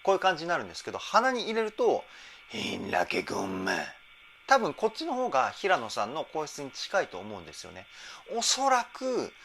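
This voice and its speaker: A man working as a vocal trainer, giving enthusiastic reaction and vocal analysis commentary and breaking into short sung demonstrations and falsetto examples. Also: wildly swooping pitch, fast talker, a bit bright, slight background noise.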